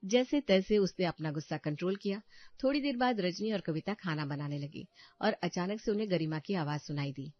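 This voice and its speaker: A woman giving calm scripted narration of a cartoon story. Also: fairly low pitch, fairly quick. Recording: dull dry voice-over with faint music.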